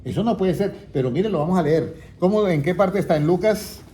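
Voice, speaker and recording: A man's voice: high voice, lively intonation, brisk, dark tone. A man teaching the Bible to a small group, often asking them questions and waiting for answers. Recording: echoey room with faint background noise.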